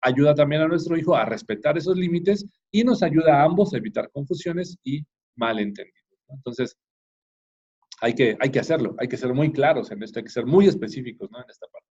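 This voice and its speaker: A man's voice: mid-range voice, animated, a little fast, a little mellow, husky. A middle-aged man giving an informal talk to parents, often ending phrases with a questioning tag and restarting. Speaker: parenting course speaker. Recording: dull lo-fi recording.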